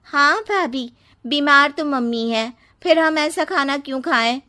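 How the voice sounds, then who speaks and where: A woman voicing a whiny young sister-in-law in a cartoon story, pouty and quick to complain. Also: sits high, sharp tone, voice pushed up.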